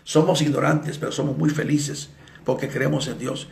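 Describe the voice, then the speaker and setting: A male evangelist preaching a sermon, telling stories dramatically and acting out the people in them, sometimes with shouts. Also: fairly high pitch, fairly even intonation, moderate pace, vocal fry. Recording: echoey room.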